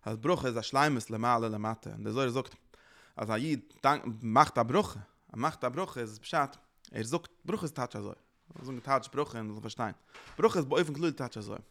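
A man's voice: medium pitch, normal speed, vocal fry, a bit bright. A man giving a religious lecture as a teacher, earnestly circling back to restate his points.

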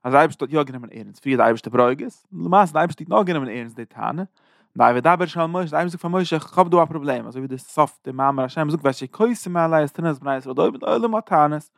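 A man giving an informal Torah lesson, speaking emphatically and jumping up in pitch on key points. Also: lively intonation, fast, vocal fry, dry recording, studio quality. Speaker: Torah teacher.

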